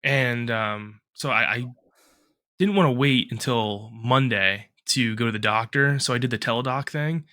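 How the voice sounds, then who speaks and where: A man co-hosting a casual podcast, rambling and swearing through animated rants, still a bit congested from a cough. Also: mid-range voice, normal speed. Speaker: podcast co-host.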